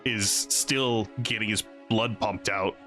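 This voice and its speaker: A drunk man casually explaining game lore to friends, halting, swearing and losing his thread. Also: fairly low pitch, fairly even intonation, pushed and bright, soft background music. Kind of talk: casual, rambling storytelling among friends.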